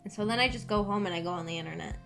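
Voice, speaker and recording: A young woman VTuber chats casually with viewers over background music, rambling in a hesitant, informal way. Her mid-range voice is gravelly and fairly bright, and she talks at a racing speed.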